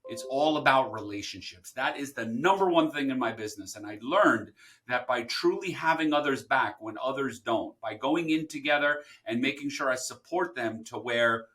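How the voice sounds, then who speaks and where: Bright-voiced man telling his story. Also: mid-range voice, normal speed. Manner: animated storyteller who acts out quoted people. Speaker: podcast guest, title company founder. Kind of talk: storytelling interview answers.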